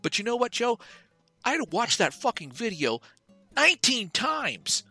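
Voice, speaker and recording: A man co-hosting a podcast, talking in a casual, animated rant that is full of swearing. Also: high-pitched, fairly quick, slightly rough, no room sound, faint music behind. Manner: animated, profane ranting. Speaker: podcast co-host.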